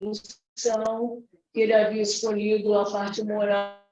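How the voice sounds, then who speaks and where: A woman with a Brazilian accent leading a study session over a video call, her speech broken into halting fragments by choppy internet audio that keeps cutting out. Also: medium pitch, completely flat delivery, a little mellow. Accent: Brazilian Portuguese. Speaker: study group leader. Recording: roomy, dull call audio with faint guitar.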